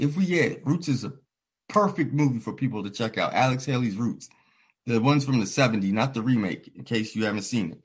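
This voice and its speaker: Earnest, husky-voiced man talking. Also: medium pitch. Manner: earnest, reflective, storytelling with quoted voices. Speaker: podcast host. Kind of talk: casual conversation.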